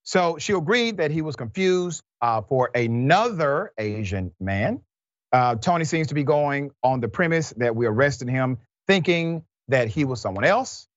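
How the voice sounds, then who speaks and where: A male host delivers news commentary with a lively, swinging pitch, breaking into mocking voices for the people he quotes. The sound is dry and dull, with no room around it. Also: no echo. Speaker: show host.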